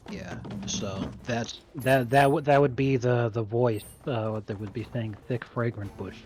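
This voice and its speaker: A man's voice: mid-range voice, fairly even intonation, a little slow, darkish tone, soft background music. A man co-hosting a game stream, chatting casually and telling stories with enthusiasm and some swearing. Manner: enthusiastic, profane storyteller. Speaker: streamer co-host. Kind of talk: casual chat over gameplay.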